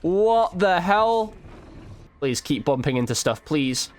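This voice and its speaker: A man streams a video game and offers casual running commentary, reacting loudly with slang and exclamations. His voice is on the high side, very animated, and slow. He is a video game streamer and YouTube host chatting live over gameplay.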